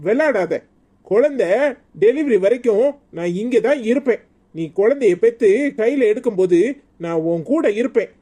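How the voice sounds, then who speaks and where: In a cartoon comedy, a man with a high-pitched yet dark-toned voice plays a hot-tempered, insistent estranged husband. He speaks Tirunelveli Tamil, sounding both pleading and stern.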